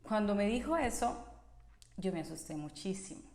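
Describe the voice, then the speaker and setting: A woman's voice: medium pitch, expressive, moderate pace, darkish tone. A woman telling a personal faith testimony in an earnest, emotional way, often restarting her sentences. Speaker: podcast speaker sharing a faith testimony. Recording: roomy echo.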